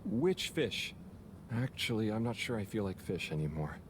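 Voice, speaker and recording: A man's voice: lowish voice, sing-song, normal speed. An actor voicing Harold, an earnest, awkward young man who talks hesitantly, with ambient noise behind him. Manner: hesitant, mumbling, self-conscious. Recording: game audio with ambient noise.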